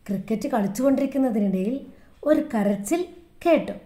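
A woman's voice: on the high side, lively intonation, fairly quick, warm tone. A woman with a Kerala Malayalam accent teaching a recorded lesson to young children, repeating words and making animal sounds in a sing-song way.

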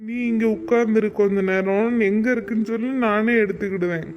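Man voicing a cartoon husband, reassuring, higher male voice, muffled lo-fi audio. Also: fairly even intonation, fairly quick, natural voice. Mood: coaxing. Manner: coaxing, reassuring, chatty. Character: caring husband, reassuring and steady.

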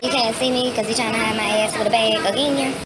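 A woman's voice: fairly high pitch, fairly even intonation, fast talker, rough recording. A woman vlogging while walking around, casual, profane and joking. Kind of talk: casual chat. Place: walking outdoors and through a hotel. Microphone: phone camera. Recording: loud music behind.

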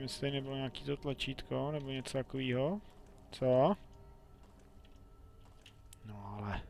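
Gravelly young man narrating gameplay. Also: mid-range voice. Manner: chatty, talks to himself and the game, playful outbursts. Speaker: let's play gamer. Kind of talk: casual gameplay commentary.

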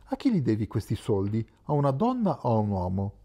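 A man's voice: mid-range voice, wildly swooping pitch, brisk, warm tone. A man reading a jealous young woman. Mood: questioning. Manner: questioning.

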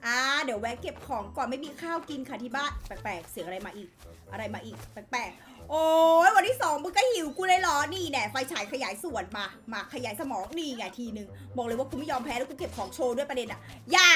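A woman hosting a gaming channel, giving excited game commentary with loud playful exclamations and casual slang, addressing her young viewers directly. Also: sits high, quick pace, hardly any pauses, faint music behind.

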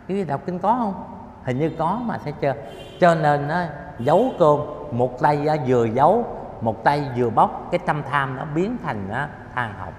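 A man giving a colloquial, emphatic Buddhist dharma talk, telling stories with drawn-out filler particles. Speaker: Buddhist lecturer. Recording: echoey hall with faint rumble.

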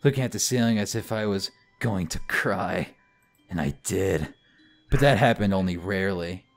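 A man with a fairly low voice narrates a visual novel in an overwrought, mock-serious tone. He keeps breaking the gloom with jokes and side comments. Faint music plays underneath. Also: moderate pace. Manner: mock-dramatic reading, breaking into laughter and jokes. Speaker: co-host reading a visual novel aloud. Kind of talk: comedic read-through.

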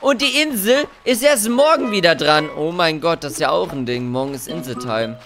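A man's voice: fairly high pitch, lively intonation, normal speed. A man chatting casually to viewers while he plays a life-sim game, joking as he goes. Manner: chatty, jokey, talks to viewers. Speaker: let's play host. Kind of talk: casual gameplay commentary. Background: game music.

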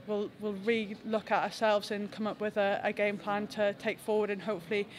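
A young woman, a rugby team captain, giving a halting, reflective post-match press interview indoors into handheld mics held close. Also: mid-range voice, little pitch movement, a little hiss or hum. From England. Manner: reflective, halting with frequent restarts. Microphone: several handheld press mics close to her face.

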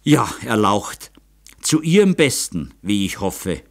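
A man voicing a cautious, tactful doctor who speaks in a measured, deferential way. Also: fairly low pitch, sing-song, vocal fry, exaggerated voice.

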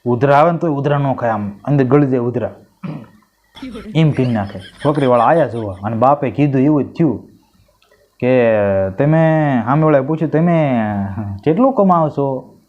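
A man telling a string of jokes, lively and mimicking the voices of the people in them. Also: mid-range voice, moderate pace, long pauses. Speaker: stand-up comedian telling jokes. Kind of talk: joke-telling monologue. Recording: dull lo-fi sound.

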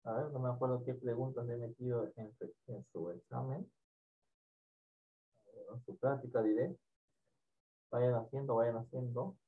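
A male teacher running an online class for children, patient and repetitive, often trailing off into quiet mumbling, with a Peruvian Spanish accent. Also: mid-range voice, moderate pace, long pauses. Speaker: primary school teacher. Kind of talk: online class, casual instructions. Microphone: computer mic on video call. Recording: dull lo-fi call audio.

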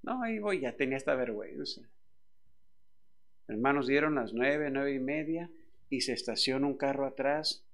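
A middle-aged man, a pastor preaching a sermon and telling a personal story with big swings from hushed to loud. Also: medium pitch, normal speed.

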